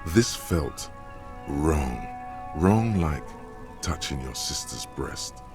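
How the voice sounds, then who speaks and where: An actor playing an ominous inner voice of instinct in a video game, blunt and judging in manner. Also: male voice, a bass voice, sing-song, very slow, full character voice. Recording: music behind the voice.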